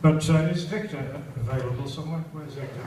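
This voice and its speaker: A retired older man from Britain giving a measured testimonial speech at an event, with dry, wry asides. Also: fairly high pitch. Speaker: event speaker. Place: large event hall. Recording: echoey hall, distant mic, noisy.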